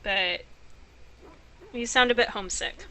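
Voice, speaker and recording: A woman's voice: medium pitch, a little slow, bright, forceful tone. A woman doing casual, playful let's play commentary, chatting away and reading dialogue choices aloud. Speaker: let's player.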